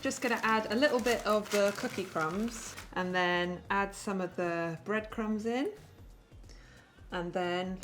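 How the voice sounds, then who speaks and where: A woman hosting a baking show, chatting casually and explaining each step with easy laughs. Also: medium pitch. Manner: chatty, explains steps while laughing along. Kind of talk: casual baking demonstration chat.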